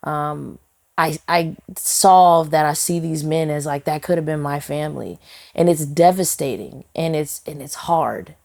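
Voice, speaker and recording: A woman's voice: low-pitched, unhurried, creaky, a little mellow. A woman singer and songwriter, a guest in a casual podcast interview, talking earnestly and heartfelt with many "you know" fillers and restarts.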